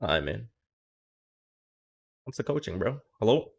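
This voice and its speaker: A very animated young man with a lowish, gravelly, husky voice streams to his audience. As a streamer and coach in casual chat, he swears, jokes around, and reacts quickly.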